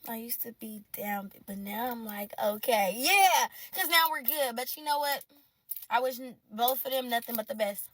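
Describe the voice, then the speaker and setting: A woman's voice: a little high, moderate pace, a bit bright, far from the mic. A woman telling a dramatic storytime straight to her viewers, addressing them as y'all and breaking into laughs. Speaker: storyteller in a clip. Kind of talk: casual storytime to the camera.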